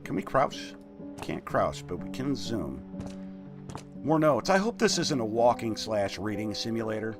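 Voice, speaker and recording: A man's voice: fairly low pitch, big pitch swings, measured pace, music in the background. A man with a slushy lisp on his s sounds giving casual, jokey video game commentary, muttering asides and reading notes aloud.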